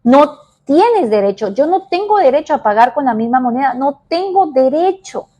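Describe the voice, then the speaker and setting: A woman evangelist preaching a devotional with a fairly high voice. She drives her points home by repeating them and swings between hushed and lifted delivery. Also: lively intonation, normal speed. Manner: emphatic, repeats key phrases, shifts between soft and raised delivery. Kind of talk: devotional sermon.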